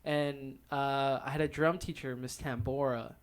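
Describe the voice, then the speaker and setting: A young man co-hosting a podcast chats casually and tells personal stories, giggling and often laughing mid-sentence. His medium-pitched voice is smooth, fairly even in intonation and a little slow.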